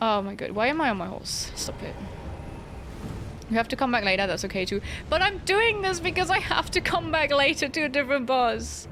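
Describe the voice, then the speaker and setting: With a fairly high, slightly bright voice and a little hiss or hum in the recording, a young woman chats casually while streaming a game. She talks to her chat, answers what they write, and laughs at her own failures with frustrated, self-mocking banter.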